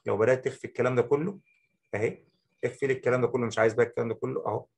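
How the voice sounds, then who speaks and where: A man with an Egyptian accent teaching a software tutorial, talking the viewer through each step and repeating short phrases. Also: medium pitch, fairly even intonation, racing, creaky. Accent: Egyptian Arabic. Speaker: Photoshop instructor. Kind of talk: screen-recorded software tutorial.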